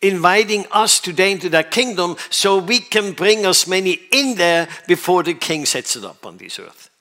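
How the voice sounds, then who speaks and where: In an animated sermon at a moderate pace, a Swiss man speaks with a high, sharp-toned voice. He is emphatic and frequently asks his audience whether they understand.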